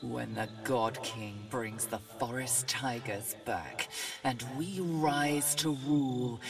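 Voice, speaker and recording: A woman voicing a fierce, vengeful female ghost tiger in a game, with a gravelly, drawn-out delivery. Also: extremely low pitch, full character voice. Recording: echoey, distant, with music.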